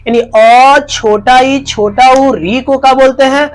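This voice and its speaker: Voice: high voice, fairly even intonation, slow pace, poor audio. Teacher drilling by question and answer. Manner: asks questions and answers them, repeats key terms. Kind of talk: exam-focused grammar lesson. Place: beside a teaching board.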